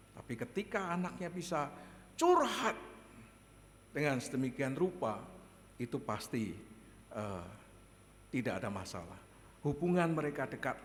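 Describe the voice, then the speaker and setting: Male pastor, higher voice, lively storytelling sermon with frequent chuckles, church hall reverb. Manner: animated, chuckles often, addresses the congregation directly. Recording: echoey hall, faint background noise.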